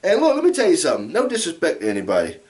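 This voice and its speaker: A man's voice: a little high, wildly swooping pitch, racing, a little mellow. A middle-aged American man in a casual vlog rant, drunk, rambling and repeating himself, swearing heavily. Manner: heavily profane. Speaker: amateur movie reviewer.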